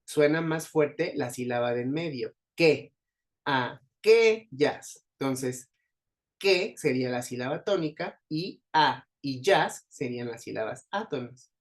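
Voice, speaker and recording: A man with a Mexican Spanish accent teaching an exam-prep class, explaining patiently and checking in often with his students. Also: mid-range voice. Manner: explains patiently, stresses syllables aloud, frequent "¿sí?" checks. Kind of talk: online class lecture.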